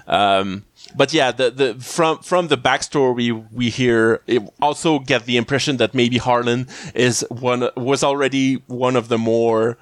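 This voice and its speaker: A man's voice: medium pitch, measured pace, hardly any pauses, dry recording. Male podcast co-host, casual rambling recap, lots of "uh" and "like", dry close sound. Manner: rambling, many fillers and restarts, frequent laughs.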